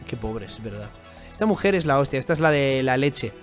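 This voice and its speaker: A young man with a Spanish accent from Spain, giving casual, excitable, slangy reaction commentary as the channel host. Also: mid-range voice, a little fast. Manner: excitable, slangy, often restarts words. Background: faint music.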